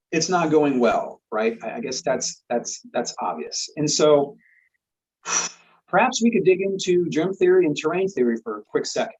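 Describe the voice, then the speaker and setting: A man's voice: on the high side, darkish tone. A man explaining a topic earnestly in casual conversation. He often repeats words and checks in with "right?". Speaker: guest expert. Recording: slightly dull lo-fi sound.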